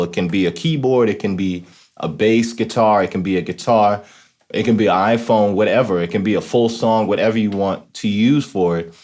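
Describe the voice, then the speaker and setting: The host of a talk box tutorial series runs an instructional demonstration, explaining things informally and often checking in with the listener. His voice sits lowish and sounds a little mellow.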